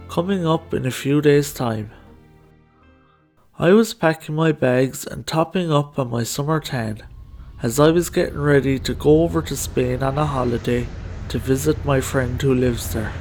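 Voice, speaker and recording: A man's voice: mid-range voice, normal speed, darkish tone. A young adult man with a Kerry Irish accent, reading a scripted first-person documentary narration over music. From Ireland. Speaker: documentary narrator telling own story.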